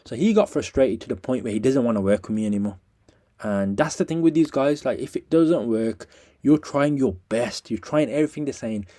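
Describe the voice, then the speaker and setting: A man's voice: medium pitch, fairly quick, mellow. A man talks casually and bluntly in a rambling video review, repeating himself in slangy, scathing, aggrieved critique. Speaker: vlogger giving a review.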